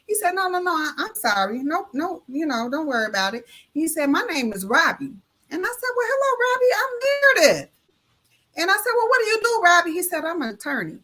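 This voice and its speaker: A woman's voice: high voice, quick pace, few pauses. A woman guest on a live talk show, telling a story in casual, colloquial speech, acting out the voices of the people in it and speaking of her faith, heard over a video call. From Illinois. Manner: lively storyteller who acts out each voice in the tale. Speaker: notary guest.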